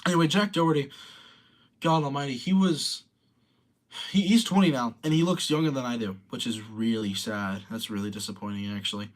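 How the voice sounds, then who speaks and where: A young man in his late teens, a streamer, rambles casually through commentary and reads viewer comments aloud. His voice is medium-pitched and fairly quick.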